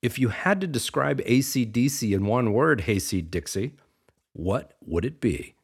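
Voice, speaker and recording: A man's voice: mid-range voice, expressive, unhurried, breathy edge. A man hosting an interview, enthusiastic and polished like a presenter. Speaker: interviewer, show host. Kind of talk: podcast interview.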